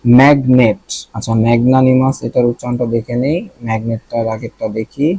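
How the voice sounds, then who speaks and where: A man's voice: medium pitch, level tone, fairly quick, mellow, husky, rough recording. A young man with a Bangladeshi accent teaching vocabulary in a casual lesson, thinking aloud and repeating words to check his pronunciation.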